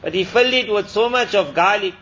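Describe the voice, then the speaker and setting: A man's voice: high voice, brisk, sharp tone, a little hiss or hum. A man voicing an earnest loyal adviser. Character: loyal male adviser explaining himself. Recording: slightly muffled recording.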